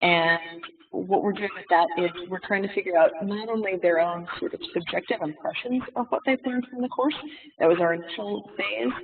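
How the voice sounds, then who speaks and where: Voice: medium pitch, a little fast, vocal fry, breathy edge. Echoey presenter on a phone-like line. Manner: hesitant, with many fillers. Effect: reverb on the call audio. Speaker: webinar presenter. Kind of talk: webinar presentation. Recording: echoey, distant, phone-like webinar audio.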